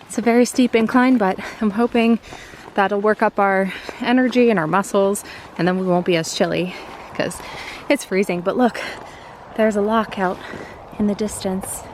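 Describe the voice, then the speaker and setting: A woman's voice: mid-range voice, steady tone, moderate pace, darkish tone. A young woman vlogging her trip in an upbeat, chatty way, laughing often as she hikes outdoors. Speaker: travel vlogger. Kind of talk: casual travel vlog narration. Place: outdoors on a windy mountain trail. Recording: noisy outdoor phone recording.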